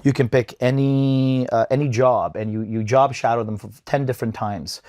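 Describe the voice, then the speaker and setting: A man's voice: medium pitch, steady tone, moderate pace, a little mellow, no echo. A man in his thirties from Bosnia, a podcast guest in casual interview talk, often restarting and repeating words. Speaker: podcast guest, event company owner.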